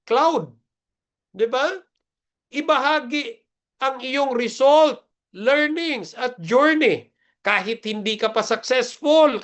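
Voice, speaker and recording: A man's voice: very high-pitched, fairly bright tone. A man coaching an online seminar over a video call, emphatic and firing off rhetorical questions. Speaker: marketing coach.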